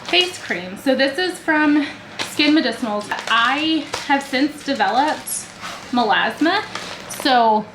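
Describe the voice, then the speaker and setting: A woman in her thirties chatting casually to camera for her vlog, rambling with lots of filler words and sounding stuffy from a cold. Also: on the high side. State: congested from a cold. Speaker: vlogger. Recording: echoey room with loud background noise.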